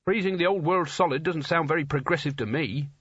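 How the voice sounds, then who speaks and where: A man's voice: a little high, a little fast, a bit bright, husky, no echo, lo-fi sound. A man voicing a timid, earnestly polite young male hero who stammers and hesitates. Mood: nervous, polite.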